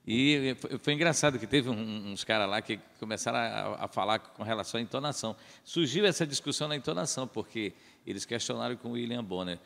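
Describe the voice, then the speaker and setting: Casting note: gravelly radio announcer, podcast guest, chatty storyteller, reverberant room. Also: male voice, mid-range voice, a little fast, hardly any pauses. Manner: rambling, animated storytelling. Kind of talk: casual storytelling.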